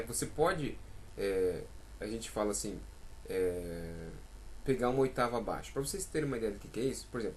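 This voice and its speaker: A man's voice: mid-range voice, a little hiss or hum, rough recording. A man with a Brazilian accent giving a casual singing lesson, chatty and encouraging, calling out sample notes as he teaches.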